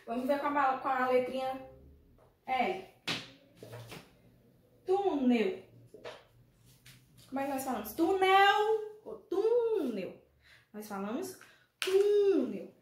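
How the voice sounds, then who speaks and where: A woman with a high voice speaks slowly, pausing often, as she teaches a remote primary school class in Brazil. Her Brazilian Portuguese is warm and affectionate, and she keeps asking the children questions. The room sounds echoey, with some faint background noise.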